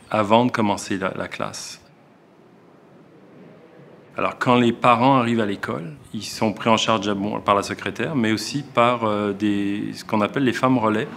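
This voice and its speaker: A male elementary school teacher with a Québécois accent explains things reflectively in a documentary interview, often restarting his sentences as he thinks. His voice is fairly low and a bit bright, and there's a little hiss or hum.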